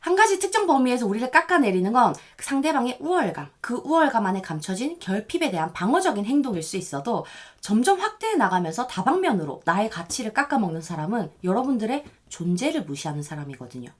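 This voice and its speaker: Lively, high-voiced woman giving relationship advice. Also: fast talker, few pauses. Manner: addresses viewers directly, explanatory, switches between polite and casual speech; acts out short quoted remarks in dialogue. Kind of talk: direct-to-camera advice talk.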